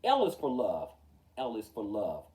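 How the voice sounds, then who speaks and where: A lower-voiced male storytime host gives a theatrical, very animated reading of a rhyming picture book for children. His mellow, measured delivery stresses the beginnings of phrases and lets endings sink. He comes across as a little far from the mic.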